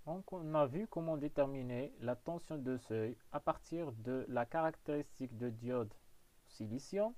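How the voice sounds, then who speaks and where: A physics teacher, giving a classroom lesson and explaining step by step, often saying "donc" and "voilà". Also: male voice, mid-range voice, unhurried, mellow, no echo. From Morocco.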